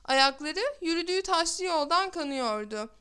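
A woman narrating a fairy tale in a measured, expressive reading voice. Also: high-pitched. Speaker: storyteller. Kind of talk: storybook narration.

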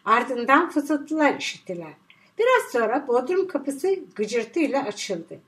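A woman reads a thriller audiobook in a high voice that swings widely. Her storytelling stays steady as she tells vivid action scenes. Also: slow. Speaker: narrator.

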